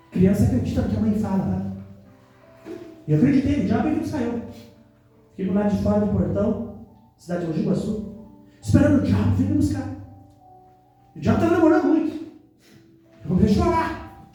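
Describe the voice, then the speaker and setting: A man's voice: high-pitched, very animated, moderate pace, long pauses, dark tone, faint music behind. Preaching man in an echoey church. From Brazil. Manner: preaches in bursts, exhorting and storytelling. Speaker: pastor. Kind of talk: sermon with personal story. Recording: echoey church hall, mic from a distance.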